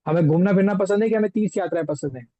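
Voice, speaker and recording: A man's voice: sits high, racing, mellow, dry recording, rough recording. A man teaching a scripture text, explaining it through everyday examples and rhetorical questions.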